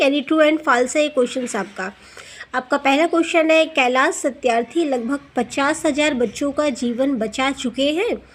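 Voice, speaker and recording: A woman teacher going through exercises for students, asking questions and answering them herself, words into her speech. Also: high voice. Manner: addresses students as beta, asks and answers own questions. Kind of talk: classroom lesson explanation.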